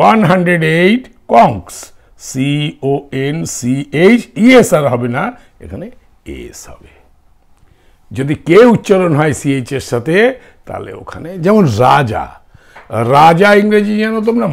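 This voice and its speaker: Slow, gravelly Bengali-accented male teacher. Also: a little high. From India. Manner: switches between Bengali and English, checks in with questions to students. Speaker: English grammar teacher. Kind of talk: classroom grammar lesson, spelling words letter by letter.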